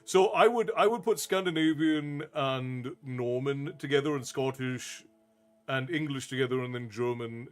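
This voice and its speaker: A man's voice: medium pitch, normal speed. An American-born man hosting a storytelling live stream, casually chatting to viewers and explaining history at length. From United States.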